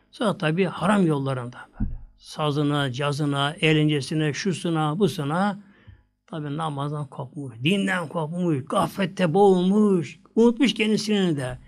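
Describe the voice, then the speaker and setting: Man preaching a sermon, kinda high-pitched, keeps repeating himself, gets loud then goes almost whispery. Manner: recites Arabic verses slowly, then explains them; swings between raised emphatic lines and hushed, near-whispered ones. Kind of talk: religious sermon.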